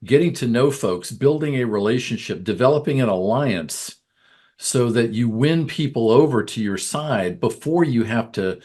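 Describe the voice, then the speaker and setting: A man co-hosting a business podcast who explains his views in a thoughtful, measured way. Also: medium pitch, expressive, darkish tone, breathy edge. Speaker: podcast co-host, business coach. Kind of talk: casual podcast chat.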